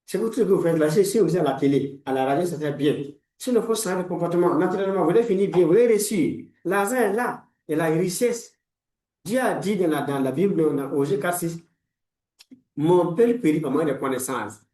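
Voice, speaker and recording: A man's voice: fairly high pitch, animated, a little fast, dark tone, echoey room, far from the mic, rough recording. A man in his forties, a life coach giving a motivational talk in a preachy, repetitive way, full of blessings. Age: 40s. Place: room lined with books, indoors.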